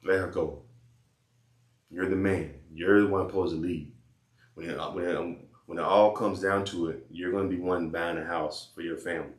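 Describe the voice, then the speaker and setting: A man's voice: low voice, fairly even intonation, normal speed, roomy sound. A man giving blunt, repetitive life advice in casual slang, talking straight to his viewers. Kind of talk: casual advice monologue and phone chat.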